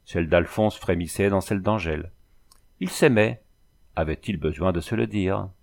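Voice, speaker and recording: A man reading a novel aloud as audiobook narrator, in measured literary narration. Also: low voice, creaky.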